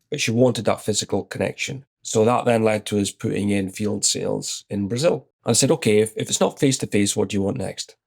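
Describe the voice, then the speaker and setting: This guest is a Scottish executive in his fifties with a lowish, creaky voice. Relaxed in an interview, he tells a story and recounts the exchanges he had.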